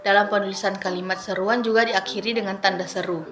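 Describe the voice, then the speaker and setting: A young woman, a university student, reading her assignment aloud as a steady, methodical class presentation, working through definitions and numbered lists. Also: mid-range voice, quick pace, faint music behind. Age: young adult.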